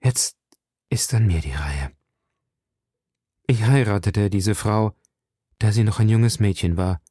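A male reader voicing a grave nobleman who speaks in a solemn, measured way, pitched low. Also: fairly even intonation, warm tone, no echo, clean studio sound, lightly acted. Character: grave older nobleman, trembling with resolve.

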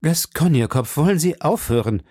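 A man's voice: medium pitch, expressive, normal speed, creaky, no echo, clean studio sound. A man playing an imperious irritable king. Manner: imperious, loud, exasperated. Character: irritable commanding king, middle-aged man. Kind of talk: audiobook character voice.

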